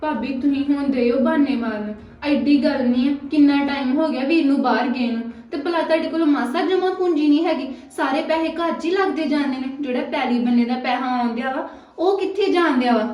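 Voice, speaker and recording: A high-pitched young married woman with a Punjabi accent, complaining and quick to take offence, played by an actress. She argues over money with her brother's wife. The very echoey room and the distant mic make her sound far off. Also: darkish tone, dull audio, lightly acted. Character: young married woman, sister-in-law demanding money, sharp-tongued. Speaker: actor in a family drama.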